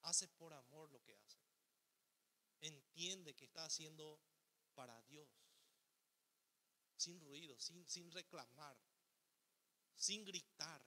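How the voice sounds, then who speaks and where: A man's voice: fairly high pitch, slow, pauses often, bright, forceful tone, husky. A man preaching a sermon as pastor, asking rhetorical questions and acting out the voice of the selfish ego. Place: church hall. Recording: long hall reverb.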